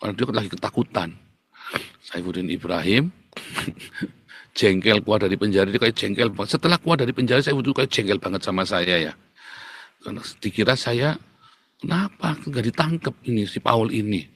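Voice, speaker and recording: Guy preaching, brash and scolding, keeps jumping up loud then dropping low, dry mic. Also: fairly quick, pauses often, no echo. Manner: animated, boastful, scolding. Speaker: pastor. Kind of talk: sermon.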